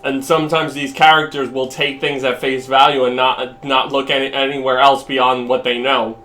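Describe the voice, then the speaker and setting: A man's voice: mid-range voice, level tone, normal speed, sharp tone. A man streaming, arguing casually and emphatically with a friend and swearing freely.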